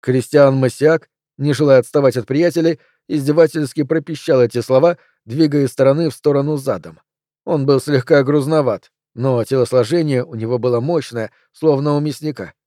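Mellow male audiobook narrator. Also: medium pitch, fairly even intonation, moderate pace, no echo, clean studio sound. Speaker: audiobook reader. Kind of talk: scripted narration.

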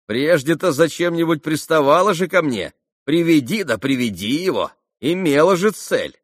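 A man's voice: a little high, expressive, moderate pace, dry recording, clean studio sound, voice pushed up. A man reading an audiobook, voicing a sardonic young man who speaks bluntly and mockingly. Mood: sneering. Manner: sneering, blunt. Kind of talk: audiobook character voice.

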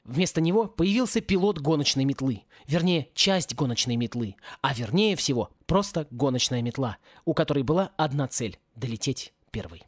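A man reading a satirical fantasy audiobook in an expressive, lightly ironic narration. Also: medium pitch, moderate pace, few pauses, dry recording, clean studio sound. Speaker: audiobook reader.

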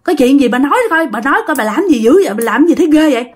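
A woman's voice: sits high, expressive, racing, voice pushed up. A woman with a Southern Vietnamese accent voicing male bakers firing repeated questions. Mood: pressing.

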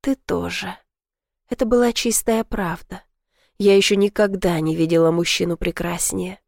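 Brief: female audiobook narrator, soft intimate first-person romance reading, dry close voice. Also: fairly low pitch, moderate pace, vocal fry, dry recording.

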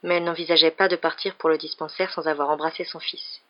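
A woman reading a novel aloud for an evening reading show, in a steady storytelling manner. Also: low voice, quick pace, muffled recording. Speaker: reader.

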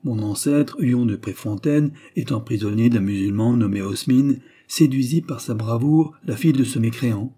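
A man's voice: medium pitch, moderate pace, few pauses, dark tone, slightly rough, natural voice. A man reading aloud and voicing a big, awkward young nobleman pleading with the woman he loves. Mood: storytelling. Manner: earnest, pleading.

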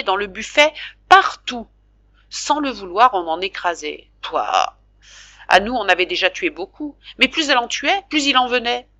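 Bright-voiced woman reading a novel aloud. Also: dry recording. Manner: expressive reading, jumps high for quoted cries. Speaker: audiobook reader. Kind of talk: scripted narration of a classic novel.

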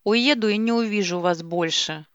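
A furious young mother screams her grievances in a loud, sharp voice, voiced by a woman reading a story aloud. She is spiteful and relentless. The recording is dull and dry, with no room sound. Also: mid-range voice, moderate pace, smooth, dry recording, natural voice. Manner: screaming insults.

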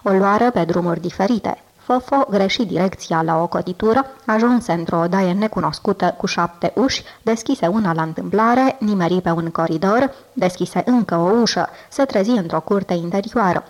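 Woman, audiobook narration, deliberate expressive reading, mid-pitched voice. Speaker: audiobook reader. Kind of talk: scripted literary narration.

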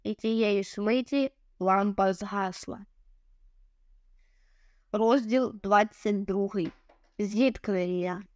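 A woman narrating an adventure audiobook in a measured, expressive way. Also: mid-range voice, dry recording.

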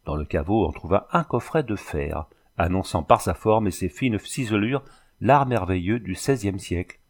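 A man reading a novel aloud as an audiobook narrator, in a steady, clear manner. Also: on the low side, normal speed.

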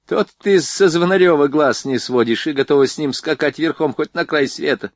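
A man's voice: on the high side, normal speed, no room sound, voice pushed up, natural voice. A man reading an audiobook, voicing a teasing young girl who mocks her sister. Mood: mocking. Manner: mocking.

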